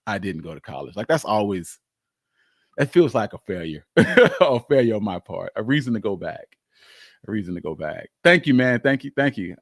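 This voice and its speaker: A man hosts a casual, unscripted livestream, rambling informally, repeating his phrases, chuckling often and swearing mildly. His voice is medium-pitched, and the recording is dry and studio quality.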